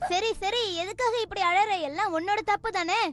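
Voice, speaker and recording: A woman's voice: very high-pitched, normal speed, a bit bright. A woman voicing a cheerful young magical boy in a dubbed cartoon, who soothes and coaxes his friend, with faint music behind. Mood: coaxing. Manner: soothing and coaxing.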